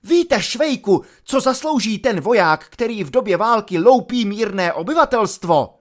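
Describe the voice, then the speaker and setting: A man voicing an exasperated army lieutenant who berates his soldier at full shout, in an audiobook reading. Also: high voice, big pitch swings, pitched above the performer's own voice, exaggerated voice. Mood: furious.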